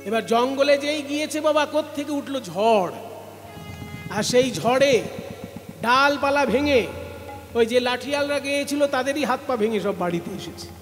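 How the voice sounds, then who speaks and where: A man's voice: extremely high pitch, moderate pace. Man telling a devotional story in song, teacher-ish, music playing under, echoey hall. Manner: explains in a teaching way, slips into song. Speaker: kirtan singer and storyteller. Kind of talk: sung devotional storytelling sermon.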